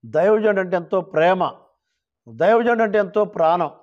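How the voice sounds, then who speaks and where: A male pastor preaching a sermon, reading scripture slowly and calling on the church to shout hallelujah. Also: high-pitched, dull audio. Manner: calls for loud hallelujahs, rising to shouts; drawn-out quoting of scripture verses.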